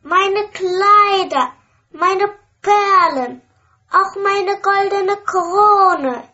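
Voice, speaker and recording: A young fairy-tale princess, played by a woman, eager and sing-song in a very high, bright voice. She speaks at a slow storybook pace. The recording is slightly dull. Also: flat delivery, exaggerated voice.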